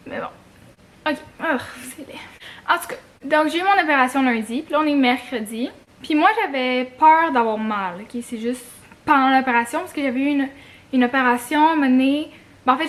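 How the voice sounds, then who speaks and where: High-pitched young Quebec woman chatting casually. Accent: Quebec French. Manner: expressive, slangy, swears and mixes in English words. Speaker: vlogger. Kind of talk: casual chat to camera, personal story.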